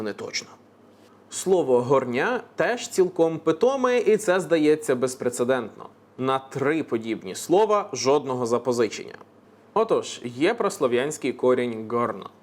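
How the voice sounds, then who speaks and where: Man with a raised voice, explaining words. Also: fairly high pitch. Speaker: presenter of a language explainer channel. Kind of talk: scripted educational narration.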